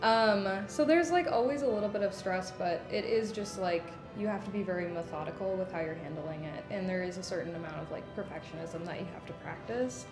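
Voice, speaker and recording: A woman's voice: lowish voice, a little fast, few pauses, echoey room, music in the background. A woman in her mid twenties, a projectionist, speaking casually in a documentary interview and often starting with a hesitant um. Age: 20s.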